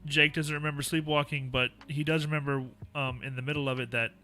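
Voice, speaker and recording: A man's voice: a little high, flat delivery, brisk, sharp tone, soft background music. A man hosting a casual livestream book club, summarizing chapters in a rambling way with many fillers.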